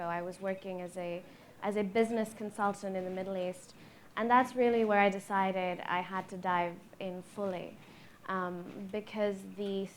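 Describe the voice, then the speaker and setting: A young woman from Pakistan speaks as a guest on a panel stage. Her voice sits at an ordinary middle pitch, and she talks in an earnest, measured way with plenty of soft fillers. A faint hum of room noise sits beneath her.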